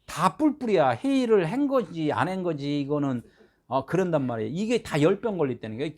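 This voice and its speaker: Male pastor, lively sermon voice, fairly high, keeps prodding the congregation with questions. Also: fairly quick. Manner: conversational preaching with frequent rhetorical questions; animated, swings between loud and soft.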